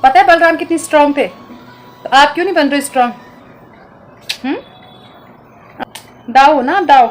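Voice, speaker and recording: A woman in her thirties with a high voice, coaxing and soothing her child in a casual home vlog. She talks softly and patiently, and faint music plays behind her. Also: moderate pace, pauses often. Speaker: vlogger, mother. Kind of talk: casual family vlog talk.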